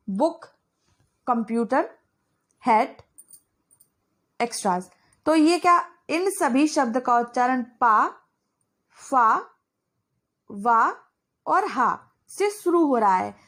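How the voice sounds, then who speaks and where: A woman's voice: high-pitched, lively intonation, takes it slowly, long pauses, a bit bright. A young woman teaching an exam-prep grammar lesson, asking questions and answering them herself.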